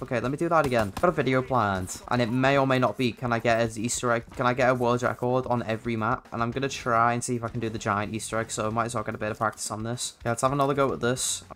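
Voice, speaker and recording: Bright-toned and medium-pitched, a young man offers loose, slang-filled commentary over his gameplay. He creates gaming videos and has a hybrid North London and Liverpool accent, having been born in North London and raised in Liverpool.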